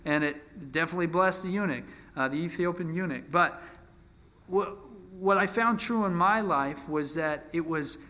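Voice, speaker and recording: A young preacher in his twenties gives a casual sermon from the Bible, joking at his own expense and often restarting sentences. He talks at normal speed in a slightly high, bright voice with a forceful edge.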